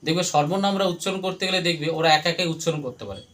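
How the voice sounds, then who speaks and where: Racing through a classroom lesson, a man fires repeated questions at his students and gets them to chant the answers in call-and-response. His voice is fairly high and a bit bright.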